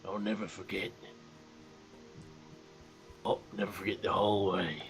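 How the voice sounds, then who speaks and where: A man's voice: low voice, fairly even intonation, measured pace, soft background music, rough recording. A man playing in a tabletop game, bantering casually, swearing freely and blurting out jokes. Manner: swears freely, joking outbursts. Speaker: player.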